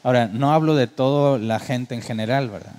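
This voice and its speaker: The man's voice is smooth, darkish, and medium-pitched, moving at a slightly fast pace. As a pastor preaching a sermon, he speaks conversationally, often asks the congregation rhetorical questions, and mimics worship keyboard sounds for laughs.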